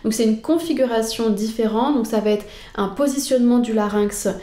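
French singing teacher with a fairly high voice. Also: female voice, a little fast, dark tone, echoey room. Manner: patient, explanatory, tutoring the viewer directly. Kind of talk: singing lesson explanation.

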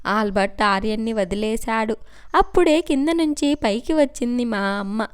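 Woman storyteller, dramatic first-person narration, clear, fairly high, dry. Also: expressive, moderate pace, no echo.

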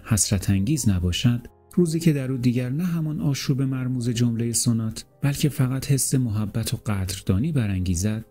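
A man narrates a literary audiobook in a calm, measured, deliberate reading. His voice is mellow and dark, sitting at an ordinary middle pitch. Faint music plays softly underneath.

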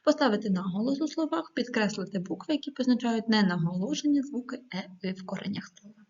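A woman teacher giving a video lesson to schoolchildren, dictating words slowly and clearly with the odd hesitant filler. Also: a little high, animated, a little mellow. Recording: dull lo-fi recording.

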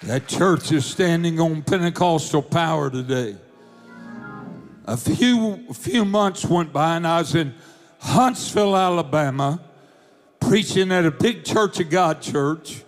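Fervent high-voiced preacher. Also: male voice, unhurried, faint music behind. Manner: fervent storytelling. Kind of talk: sermon testimony.

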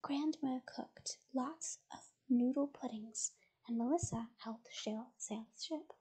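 A woman's voice: high-pitched, slow, husky, poor audio. A woman reading a children's picture book aloud as a whispered bedtime story. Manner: soft, mostly whispered.

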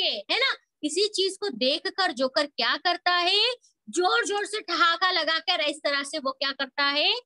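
Teacher lady on a video call class, high bright voice, dry close sound, keeps quizzing the kids. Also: no echo. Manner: asks questions and answers them herself, coaxing students. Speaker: school Hindi teacher. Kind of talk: online class lesson.

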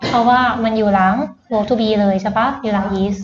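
A woman's voice: mid-range voice, fairly even intonation, a little fast, background noise. A woman tutor giving a patient lesson, quizzing her student step by step and mixing English words into her explanations. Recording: roomy, dull lo-fi sound.

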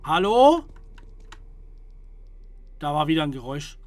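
Jumpy young streamer, high voice. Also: male voice, normal speed. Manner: jumpy, hushed then loud, talks to viewers. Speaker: gaming streamer. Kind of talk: casual gameplay commentary.

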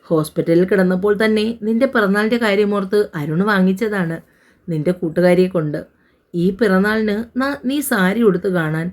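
A woman's voice: mid-range voice, lightly acted. A woman voicing a tender, bustling middle-aged mother in a family audio story. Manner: tender, hurried.

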